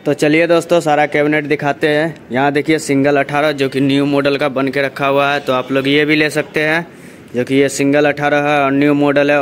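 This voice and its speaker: A young man talks into a phone held at arm's length as he walks through a large warehouse. His delivery is steady and salesman-like, and his voice stays almost completely flat, with very little rise or fall. A faint hum of background noise sits under his speech. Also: on the high side. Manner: steady salesman-like patter, repeats "dekhiye" and "dosto". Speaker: vlogger showing a speaker cabinet factory. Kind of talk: casual vlog walkthrough. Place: large warehouse, partly outdoors.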